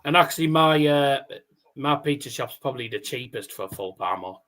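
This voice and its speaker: Man with a stutter and soft R's. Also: mid-range voice, lively intonation, a little fast. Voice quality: cannot pronounce R's, says w for r. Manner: casual, sweary, rambling. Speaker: livestream host. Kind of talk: casual watchalong chat and darts commentary.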